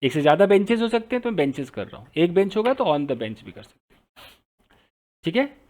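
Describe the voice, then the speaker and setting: Lively high-voiced male teacher. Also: brisk. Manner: explains step by step, repeating phrases while typing. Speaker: English teacher. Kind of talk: Hindi-medium writing lesson, translating sentences.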